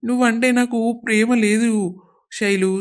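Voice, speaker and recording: A woman voicing a mild young husband who placates everyone in a flat, tired way. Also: fairly high pitch, moderate pace, smooth, close to an everyday voice. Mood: weary. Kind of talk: cartoon voice acting.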